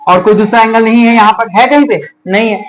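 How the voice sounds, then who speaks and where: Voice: mid-range voice, steady tone, fast talker, slight background noise, low-quality recording. Teacher drilling pupils with repeated questions. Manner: call-and-response questioning, repeats each answer back; addresses pupils as children and dear. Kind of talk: classroom math lesson.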